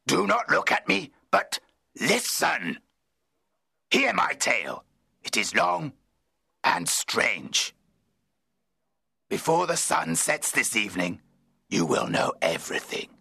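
A man voicing a wretched, menacing man-made monster in a dramatised audiobook, pleading slowly in a rasping, bitter voice. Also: on the high side, wildly swooping pitch, pushed and bright, no echo, studio quality, full character voice. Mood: grave, insistent. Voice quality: gravelly, rasping. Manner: slow, heavy, emotional pleading.

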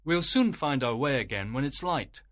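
A man's voice: mid-range voice, expressive, normal speed, a bit bright, no echo, studio quality, voice pushed up, natural voice. A man doing an earnest young lover. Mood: reassuring. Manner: reassuring.

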